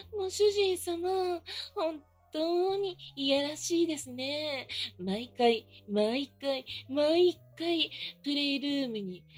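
A woman performing an adult roleplay as a maid, speaking in polite maid phrasing with a mocking, teasing manner and frequent giggles. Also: high voice.

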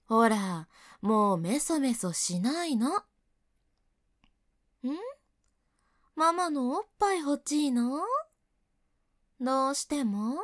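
A woman's voice: on the high side, no echo, clean studio sound. A woman playing a bossy, doting senior coworker. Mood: soft, coaxing. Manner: scolding, then softly doting and teasing. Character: bossy yet doting older female coworker, young adult. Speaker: senior colleague. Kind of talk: second-person audio role-play.

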